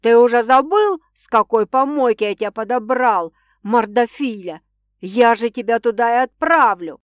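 A woman's voice: fairly high pitch, expressive, moderate pace, no room sound, studio quality, close to an everyday voice. A woman voicing an angry, rude male film producer who barks insults, in an audiobook. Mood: snarling angry. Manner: snarling, insulting, barking.

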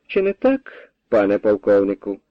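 Brief: man reading a cool, cutting old-time clerk, measured and pointed, dry, a touch lo-fi. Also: fairly low pitch, dry recording. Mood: cold. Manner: calm, pointed. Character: cool, sharp male regimental clerk.

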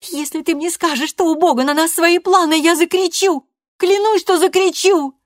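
A woman voicing a furious, defiant teenage girl who shouts bitter accusations. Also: mid-range voice, level tone, normal speed, no echo, clean studio sound, pitched above the performer's own voice, natural voice.

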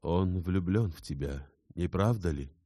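A man's voice: deep voice, a little slow, warm tone, no room sound, clean studio sound. A man voicing an ardent young man weak from illness, passionate and exclaiming in an audiobook.

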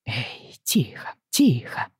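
A woman voicing a worried father, hushing and soothing his little daughter in a whisper. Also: low voice, expressive, a little slow, breathy edge, no echo, studio quality, heavily acted. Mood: hushed, soothing.

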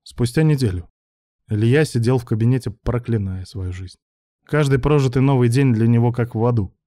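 A man reading a story aloud as narrator in an even, measured way. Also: medium pitch, no echo, studio quality. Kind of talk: audiobook narration.

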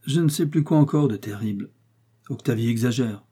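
Voiced in a dark, husky tone, a man plays a shrewd old village mayor from Normandy, blunt and sure of himself. He lays down the law in a gruff, lecturing way. It sounds like an audiobook reading. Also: mid-range voice, brisk, natural voice. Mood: stern.

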